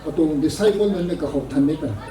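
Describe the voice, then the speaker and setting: A man preaching a sermon at a prayer meeting, measured and slow, with English words slipped in. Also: sits high, warm tone, a faint crowd. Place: prayer gathering hall. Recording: echoey hall, voice from a distance.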